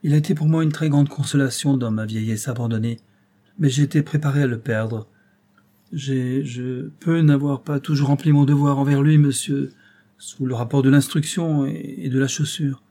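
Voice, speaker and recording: A man's voice: mid-range voice, steady tone, moderate pace, dark tone, pitched above the performer's own voice, lightly acted. A man reading aloud and voicing a grieving, pleading old drunken grandfather who halts and repeats words. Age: older.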